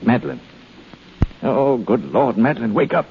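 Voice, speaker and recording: Actor as brisk schemer, animated, tinny radio. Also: male voice, medium pitch, close to an everyday voice. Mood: urgent. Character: brisk, urgent male swindler, smooth schemer. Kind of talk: 1930s radio acting. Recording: tinny, noisy 1930s radio recording.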